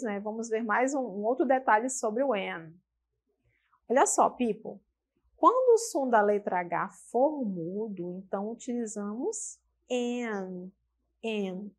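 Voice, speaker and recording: Slow, patient Brazilian woman teaching. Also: a little high. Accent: Brazilian Portuguese. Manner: slow, patient, repeats example words aloud; checks in with tag questions. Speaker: English teacher. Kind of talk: televised classroom lesson.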